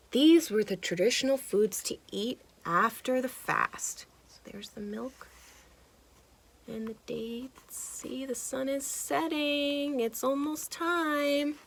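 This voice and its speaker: The audio is poor but free of room sound as a high-voiced woman, a children's storytime reader, performs a picture book with animation. She addresses young listeners directly, adding asides and pointing things out.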